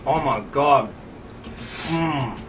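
A man's voice: mid-range voice, very slow, fairly bright tone. A man in his thirties chatting casually through a food challenge, struggling with a mouth burning from spicy food. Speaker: host of a hot wings challenge. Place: indoors at a table in a small room. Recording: distant mic, clear background noise.

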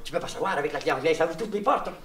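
A man's voice: on the high side, lively intonation, very fast. A man playing a naive vagabond clown, Québécois. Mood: rambling, confiding. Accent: Québécois French. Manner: mangled words and puns, confiding to the listener. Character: naive childlike male vagabond clown, rambling. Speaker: comedian. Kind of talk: comic monologue in character. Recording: echoey, distant, noisy old LP recording.

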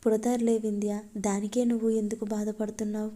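A woman's voice: medium pitch, flat delivery, brisk, mellow, close to an everyday voice. A woman voicing a tender, reassuring young man comforting his girlfriend. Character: caring young man, protective boyfriend.

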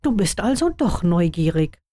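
A woman's voice: lowish voice, very animated, moderate pace, mellow, no echo, studio quality. A woman reading the lines of a caring young male wizard, his partner's concerned companion.

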